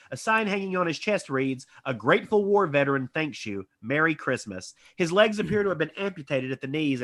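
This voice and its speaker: A man with a slightly high voice narrates a screenplay. He reads out the stage directions as scripted narration for a table read. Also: a bit bright.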